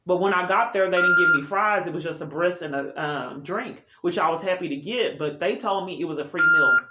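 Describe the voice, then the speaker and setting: A lowish female voice, fairly quick, presses an aggrieved personal complaint in an unscripted vlog monologue. The echoey room comes through in muffled audio with heavy noise and clicks.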